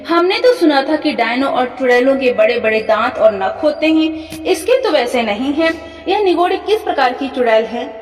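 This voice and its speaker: A woman's voice: sits high, animated, moderate pace. A woman voicing gossiping, frightened village women in a storybook reading, in an echoey hall from afar. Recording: echoey hall from far off, faint music.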